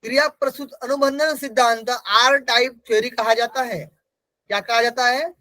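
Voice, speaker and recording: A man teaches an exam-prep class in a strikingly high voice. He keeps asking the class questions, answers them himself and repeats each key term. The sound is close and dry, with no room around it. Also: fairly even intonation, normal speed, pushed and bright, dry recording, rough recording. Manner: repeats key terms for emphasis.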